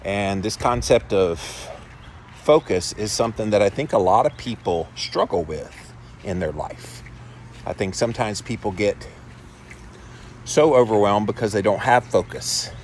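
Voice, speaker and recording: A man's voice: fairly low pitch, animated, a little slow, a little hiss or hum. A man talking casually and emphatically to his viewers in a vlog, recorded on a handheld phone outdoors. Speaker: vlog host. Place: backyard, outdoors.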